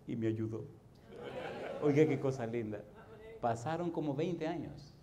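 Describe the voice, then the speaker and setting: A middle-aged man preaching a sermon as pastor, animated and swinging from soft to loud. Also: mid-range voice, a little slow, dull audio.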